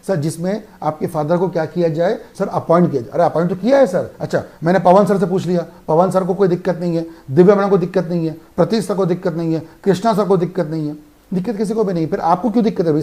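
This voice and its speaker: Indian male law tutor, high voice, emphatic revision lecture, quick rhetorical questions. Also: warm tone. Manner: emphatic, asks and answers his own questions. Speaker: law teacher.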